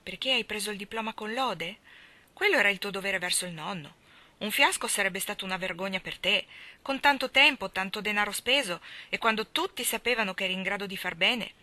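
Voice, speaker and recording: A woman's voice: mid-range voice, a little fast, bright, forceful tone, dry recording, lightly acted. A woman reading aloud, voicing an earnest young woman who lectures in a sure tone. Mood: lecturing. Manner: sure, preaching tone.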